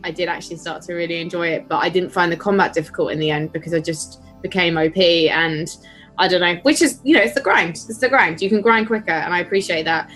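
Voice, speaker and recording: Woman podcast co-host, bright tone, lively swearing chatter. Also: on the low side, fast talker, faint music behind, rough recording. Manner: lively, swears, laughs, mimics game characters. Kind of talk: casual gaming chat.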